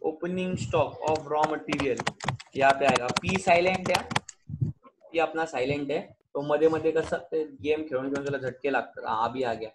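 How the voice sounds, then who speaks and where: High-voiced man teaching accounts online. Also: normal speed, background noise. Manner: switches between Hindi, Marathi and English, questions students often. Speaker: commerce teacher.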